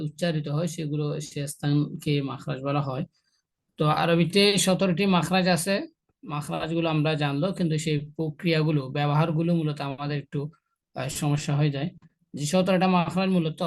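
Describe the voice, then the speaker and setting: A man teaching the pronunciation of Arabic letters for Quran reading, patient and repetitive, pausing with hesitations and chanting example verses slowly. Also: on the high side. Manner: patient, repeats phrases, hesitates with "ah". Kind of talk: explaining letter pronunciation in a class.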